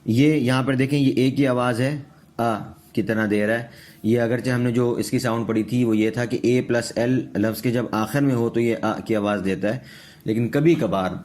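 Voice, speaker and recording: A man teaching a pronunciation lesson, slowly repeating example words and checking understanding as he goes. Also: lowish voice, darkish tone. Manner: slow, repeats words for drilling, checks understanding with tag questions. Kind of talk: classroom-style lesson.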